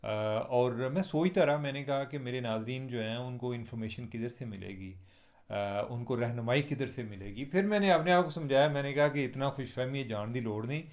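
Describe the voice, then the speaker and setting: A man's voice: medium pitch, moderate pace. A man from Pakistan with a Pakistani Urdu accent, giving chatty, wry commentary to his viewers as a journalist on his own channel. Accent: Pakistani Urdu with Punjabi touches. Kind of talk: casual spoken commentary vlog.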